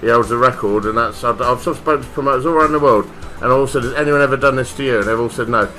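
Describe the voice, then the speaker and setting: A man's voice: medium pitch, racing, sharp tone. Guy hosting a podcast, sweary and rambly, music going behind. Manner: sweary, rambling, laughs often. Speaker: podcast host. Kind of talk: casual banter.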